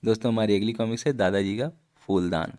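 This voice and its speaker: A man's voice: lowish voice, quick pace, darkish tone. A man reading comics aloud for his channel, chatty and speaking to viewers as friends. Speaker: comic reader and channel narrator.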